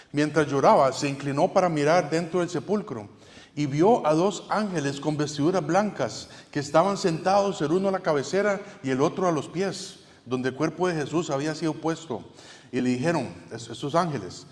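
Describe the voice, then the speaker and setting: A man's voice: fairly high pitch, a little mellow. A man preaching a sermon as pastor, in a conversational way with frequent restarts and tag questions. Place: church sanctuary. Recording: church hall with long reverb.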